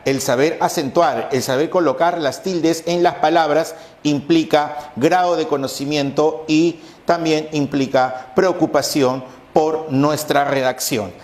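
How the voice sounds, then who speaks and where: A male teacher giving an exam-prep lecture on grammar, methodical and recapping with rhetorical questions, possibly from Peru. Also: on the high side. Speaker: language teacher. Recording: echoey room.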